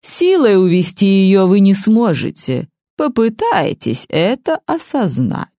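A woman voicing a massive, imperious old lady in a storybook, speaking slowly and deliberately with total command. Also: mid-range voice, very animated, dark tone, no room sound, studio quality, voice pushed up.

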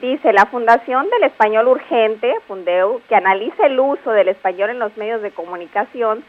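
A woman giving a grammar lesson on a radio show, quizzing her co-host and explaining patiently. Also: a little high. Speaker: language teacher on a radio show. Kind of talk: radio spelling and grammar segment. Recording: dull lo-fi radio broadcast.

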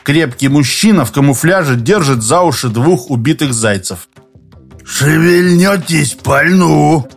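A man reading a science-fiction novel aloud in steady, scripted first-person narration. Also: mid-range voice, normal speed, slightly rough, soft background music. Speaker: audiobook narrator.

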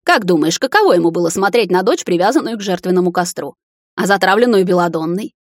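A woman's voice: lowish voice, animated, fast talker, no echo, studio quality. A woman voicing a young prince who teases his younger sister and then comforts her, in an audiobook reading. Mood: reproachful. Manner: bantering, then soothing. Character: teasing, protective young prince, older brother.

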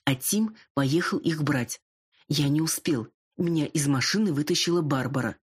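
A jittery, cornered fox of a man, an aging singer who begs and confesses in a slow, strained, husky voice, as a woman reader puts him on. The tone sits a little higher than plain narration, breathy at the edges, every word dragged out of him. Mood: confiding. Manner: pleading, reluctant confessions. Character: nervous aging male singer, evasive fox.

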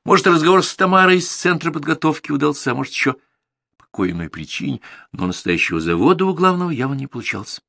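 A man narrating a novel as an audiobook, reading in an expressive storytelling manner. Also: fairly high pitch, quick pace, gravelly, no room sound, clean studio sound. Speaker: audiobook reader. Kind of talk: scripted narration.

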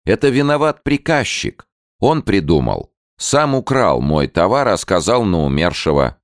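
A man's voice: sits low, very animated, unhurried, no room sound, studio quality, voice pushed up, full character voice. A man voicing an old, scheming male trader who pleads and wheedles in a raised voice. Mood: wheedling.

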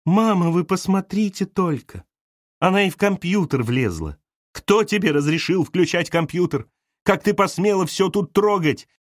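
A shrill young woman screaming with jealousy, put on by a male storybook reader, her pitch swinging wildly up and down. the dry close recording leaves no room sound. she's loud and tearful and never lets up. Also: expressive, a little slow, no echo. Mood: furious. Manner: shrill, sobbing and screaming accusations.

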